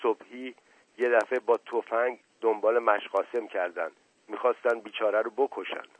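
An anxious teenage girl, put on by a male reader, speaks in a hushed, worried rush. The voice drops softer than the narration, recorded dry and close. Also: fairly low pitch, steady tone, no echo, phone-quality sound, lightly acted. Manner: hushed, hurried.

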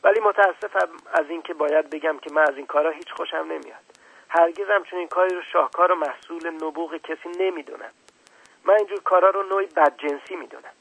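A man's voice: fairly high pitch, gravelly, fairly bright tone, breathy edge, no echo, pitched above the performer's own voice, full character voice, rough recording. A man voicing the little prince, an earnest, indignant small boy, in a storybook reading. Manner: pleading, rising to angry outbursts.

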